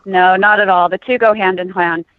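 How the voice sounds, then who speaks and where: A woman's voice: medium pitch, steady tone, normal speed, dry recording. A woman author answering questions as a podcast guest over a narrow, phone-like connection. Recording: tinny narrow phone-like line.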